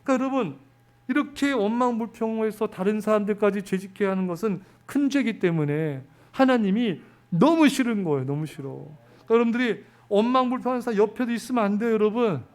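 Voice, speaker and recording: Male pastor preaching in church, kinda high voice, keeps asking the crowd stuff. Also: expressive, fast, darkish tone. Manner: interactive, questioning the congregation. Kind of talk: sermon. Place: church sanctuary.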